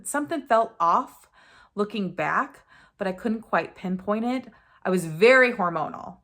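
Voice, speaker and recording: A woman in her forties talks straight to the camera in an earnest, candid way. Her voice sits on the low side and has a gravelly fry. She often stops to correct herself mid-sentence. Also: a bit bright. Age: 40s. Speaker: vlogger sharing a personal story. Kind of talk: casual personal storytelling to camera.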